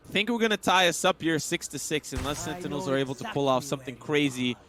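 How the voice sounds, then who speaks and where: A man's voice: on the high side, fast, crowd noise. A man giving live esports caster commentary, analyzing the game in a conversational way.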